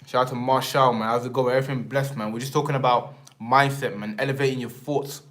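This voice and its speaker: Young english guy on a live stream, slangy and rambly, mid-pitched voice. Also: steady tone, fast talker, a bit bright. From England. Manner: rambling, slangy, repeats filler tags like "man" and "and that". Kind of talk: casual live-stream chat.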